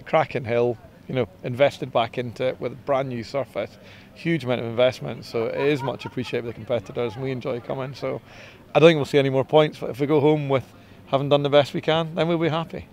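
Relaxed middle-aged racing driver outdoors. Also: male voice, mid-range voice, fast. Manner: relaxed and modest, with filler ums. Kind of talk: casual interview answers. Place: outdoors in a race paddock beside a team truck. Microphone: interviewer's handheld mic.

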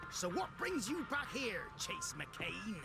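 Gruff old sea captain, high creaky voice. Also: male voice, very animated, slow pace, heavily acted. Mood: fussy, officious. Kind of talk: animated game cutscene acting. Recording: music playing loudly behind.

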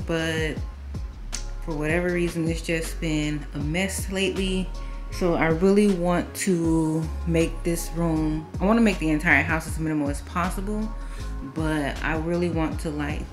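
A woman's voice: low voice, fairly even intonation, measured pace, soft background music. A young woman casually walking through her apartment on camera, rambling with lots of fillers and restarts. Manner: rambling, filler-heavy, self-correcting. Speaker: home vlogger. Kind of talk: casual home tour narration. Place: small apartment, indoors.

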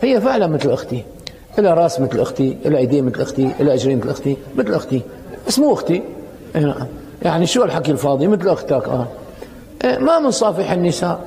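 A man with a Syrian accent giving a colloquial sermon, telling stories in a lively, conversational way. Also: on the high side, rapid-fire, creaky. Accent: Syrian Arabic. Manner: lively, conversational, many fillers. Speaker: sheikh giving a lecture. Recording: reverberant hall with faint ambience.

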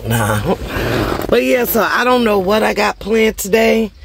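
A woman's voice: mid-range voice, very animated, unhurried, creaky, noisy background. A middle-aged woman chatting casually to her phone camera from a parked car, greeting viewers in a sing-song way and calling them y'all. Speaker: vlogger. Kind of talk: casual vlog chat to camera. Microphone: phone held at arm's length.

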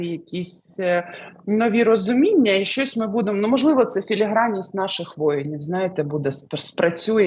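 Woman, husky-voiced and hesitant, musing aloud over predictions. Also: mid-range voice. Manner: hesitant, many fillers and trailing lists. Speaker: astrologer answering questions. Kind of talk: casual spoken predictions.

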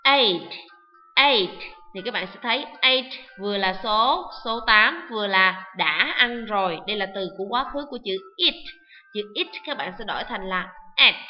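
A woman teaching an online English lesson, loudly repeating words and often checking whether the students follow. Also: medium pitch, muffled recording. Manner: drills words loudly with repetition; asks students frequent checking questions.

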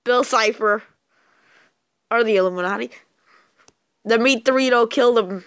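A woman hosting a casual reaction video, excitable and stumbling over names as she talks. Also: on the high side, normal speed, clear, resonant tone, dry recording. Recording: loud music from the clip behind the voice. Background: loud music.

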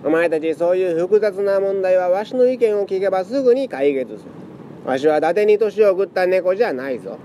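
A man voicing a boastful old male fortune-teller cat with gruff, old-fashioned grandpa speech. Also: high-pitched, animated, a little fast, warm tone, slight background noise, pitched above the performer's own voice.

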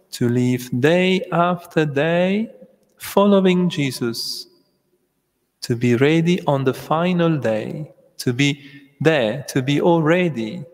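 A priest giving a homily at Mass, speaking at a pulpit microphone in a large church, in a slow, measured way with long pauses. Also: male voice, mid-range voice, big-room sound.

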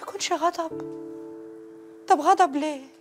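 A woman's voice: very high-pitched, normal speed, over music. An actress playing a poor, desperate village mother who laments to God in anguish, in an Egyptian accent. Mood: despairing.

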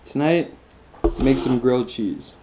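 A man's voice: medium pitch, animated, a little slow, warm tone, slight background noise. A man in his twenties giving a casual mukbang tasting review, enthusiastic and chewing between lines with long mmm sounds. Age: 20s. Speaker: food vlogger.

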